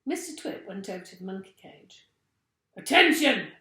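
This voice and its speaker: With expressive, unhurried narration like a teacher's, a woman reads a children's tale aloud. She has a medium pitch, and the recording sounds roomy.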